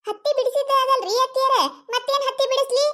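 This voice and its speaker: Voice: extremely high pitch, fairly even intonation, fast talker, a crowd in the background. A performer voicing a deaf, stubborn young village daughter-in-law in a cartoon, complaining in a North Karnataka Kannada accent. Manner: complaining, exasperated.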